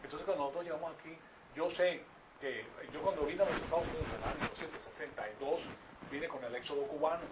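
This is an informal Bible lesson from an older male preacher speaking Venezuelan Spanish, his voice a bit high and his pace quick. He teaches the congregation in a repetitive, instructive style, often asking rhetorical questions. A far-off microphone leaves the recording muffled with obvious noise.

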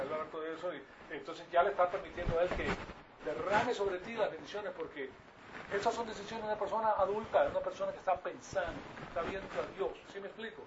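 A man with a fairly high voice preaches a Bible lesson to a room of listeners, often drawing them in with questions. He builds to loud, emphatic peaks. He stands well back from the mic, and the dull lo-fi recording carries steady background noise. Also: far from the mic. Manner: engages the audience with questions. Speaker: Bible teacher. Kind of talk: sermon-style Bible class. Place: room with a live audience.

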